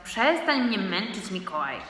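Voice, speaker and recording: A woman's voice: a little high, animated, moderate pace, bright, forceful tone. A woman voicing a weary middle-aged father who sighs and grumbles in exasperation. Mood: exasperated. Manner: sighing, exasperated. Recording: echoey room, long reverb, faint noise.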